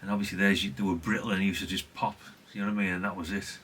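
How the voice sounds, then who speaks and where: Showing off an item in an unscripted, casual chat, a middle-aged hobbyist vlogger rambles along, leaning on repeated catchphrases. He talks very fast in a low, somewhat bright voice with little pitch movement, and there is a little hiss or hum.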